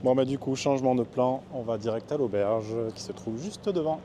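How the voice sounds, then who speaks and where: A French-speaking vlogger talks casually to camera in a brisk, mid-range voice over some background noise. Upbeat, he thinks aloud while wandering the streets of a small town and eating on a terrace.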